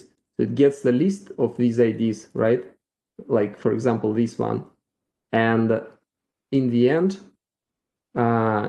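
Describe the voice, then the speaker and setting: A man with a Russian accent giving a live software demo at a meetup, thinking aloud with halting restarts. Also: medium pitch, gravelly. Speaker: featured speaker at a developer meetup.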